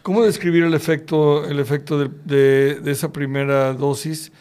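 Higher-voiced podcast host asking questions. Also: male voice, steady tone, normal speed, darkish tone. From Mexico. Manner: asks clarifying questions, sums up the guest's points. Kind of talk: interview questions.

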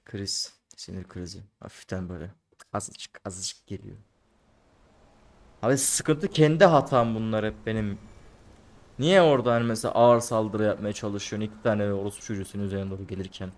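Young man with a Turkish accent, gameplay commentary, mutters low, erupts into angry cursing. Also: fast talker. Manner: muttering to himself, bursting into angry swearing. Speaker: gameplay streamer.

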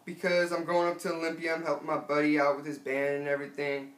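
Young male prank caller, slightly high voice, halting casual delivery, echoey home room. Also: monotone, fairly bright tone. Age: young adult. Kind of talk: casual prank phone call. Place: small furnished room at home. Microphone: camera a short distance away. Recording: echoey room, camera mic.

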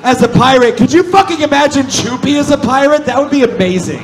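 A man doing excitable, profane live wrestling play-by-play commentary. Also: very high-pitched, a little fast. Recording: loud crowd and music at a live venue.

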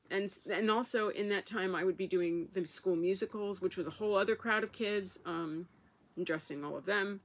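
A woman speaks to camera in her own video blog. She is close to tears, and her talk is emotional and halting. Her pitch sits in the middle range. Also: fairly bright tone. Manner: emotional, halting, tearful at times. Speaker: vlogger.

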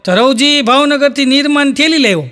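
A man's voice: very high-pitched, brisk, bright, forceful tone. A man with a Kathiyawadi Gujarati accent telling jokes on stage, piling on "he said" tags as he tells stories. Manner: storytelling full of "he said" tags. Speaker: stand-up comedian. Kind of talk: live stand-up joke telling.

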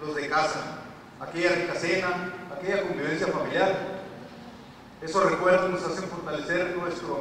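A man's voice: high-pitched, fairly bright tone. Male inmate narrator, played by a man, didactic, long hall reverb, faint noise. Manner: didactic, addressing the audience directly. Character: male inmate lecturing students, earnest. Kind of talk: live stage performance. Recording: echoey hall from far off.

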